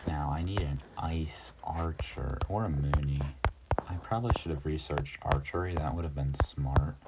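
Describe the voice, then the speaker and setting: A man's voice: extremely low pitch, moderate pace, heavy background noise. A man giving laid-back commentary over his own strategy game, narrating each move and chuckling at himself. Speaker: gaming youtuber. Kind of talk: casual gameplay commentary.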